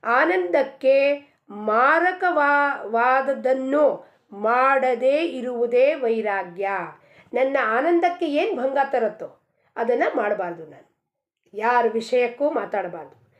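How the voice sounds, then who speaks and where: A woman's voice: high voice, lo-fi sound. A woman giving an earnest devotional discourse, asking many rhetorical questions. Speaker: spiritual speaker.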